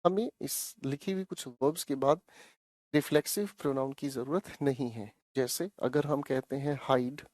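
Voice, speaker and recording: A man's voice: medium pitch, moderate pace, a little mellow, no room sound, clean studio sound. A male teacher explaining English grammar to an online class, coaxing and repeating himself, calling the students his children.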